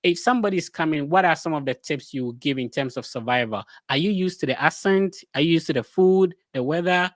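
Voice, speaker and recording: Talking fairly quickly with few pauses, a podcast host with a somewhat high voice chats casually with a guest and asks questions. His speech wanders, full of fillers and restarts. The sound is clean studio audio with no room noise.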